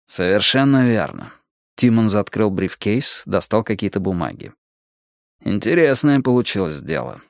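A man narrating an audiobook in a steady, measured storytelling manner. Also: lowish voice, gravelly, dry recording, studio quality. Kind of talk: scripted narration.

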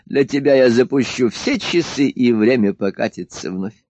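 A man voicing a grandiose, boisterous madman who calls himself emperor, speaking in a drawn-out, exalted way. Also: mid-range voice, darkish tone, dry recording, voice pushed up, lightly acted. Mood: grandiose, leering. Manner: leering, exalted, drawn-out slow speech. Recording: dull dry lo-fi studio recording.

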